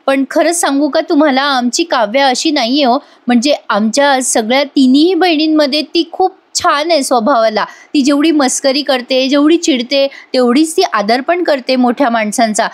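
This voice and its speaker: An earnest young wife and steady elder sister , read by a woman in her own high voice, firm and pleading as she lectures. The voice sits high and carries a serious, moral tone. It is a plain serial-recap reading. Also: normal speed, hardly any pauses, natural voice. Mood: gentle.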